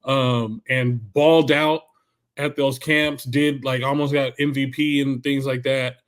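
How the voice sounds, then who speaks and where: A man from the Bay Area in California, a former football player now coaching high schoolers, telling recruiting stories as a podcast guest. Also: a little slow. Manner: relaxed storyteller, acts out quoted coaches. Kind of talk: casual interview storytelling.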